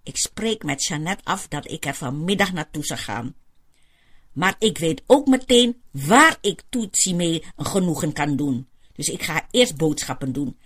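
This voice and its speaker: A woman's voice: sits low, big pitch swings, unhurried, fairly bright tone, slightly rough. A woman telling a first-person story in a chatty, homely way.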